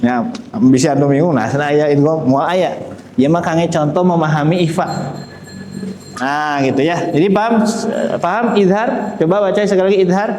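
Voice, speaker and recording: A man's voice: a little high, steady tone, moderate pace, crowd noise. A man teaching Quran recitation, patiently explaining and modelling sounds for students to repeat. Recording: echoey room.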